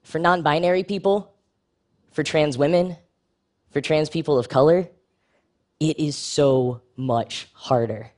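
The speaker is a man giving a planned public talk with candor and sly humor. Energetic jumps in pitch underline what he's emphasizing.

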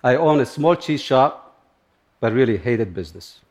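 A middle-aged man from Turkey, speaking halting in short phrases as he tells a personal story on stage. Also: mid-range voice, expressive, darkish tone. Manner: plain, halting non-native English with short phrases. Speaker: speaker giving a talk.

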